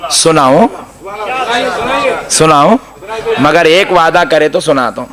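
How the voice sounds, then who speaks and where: A man preaching a sermon. He tells stories in a lively way, calls out to the congregation, and breaks into melodic chanted recitation. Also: fairly high pitch, slow, crowd noise.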